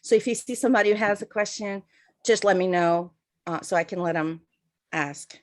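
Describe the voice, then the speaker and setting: A Portuguese woman whose first language is Portuguese speaks at medium pitch and normal speed as a guest speaker in an online presentation. Over a video call she keeps the talk chatty, full of fillers and self-deprecating asides.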